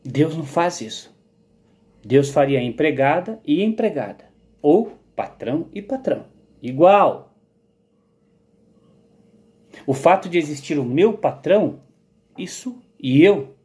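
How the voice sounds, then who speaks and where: A man's voice: fairly high pitch, sing-song, a little slow, a little mellow. A man giving a rambling philosophical monologue about his own theory. He digresses, repeats words and keeps checking "entendeu?".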